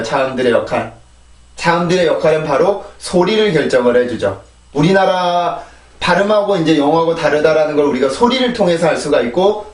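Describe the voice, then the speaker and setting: A man's voice: a little high, reverberant, far from the mic. A man teaching English pronunciation in Korean, explaining step by step, repeating drill sounds and often asking "right?". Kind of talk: pronunciation lesson.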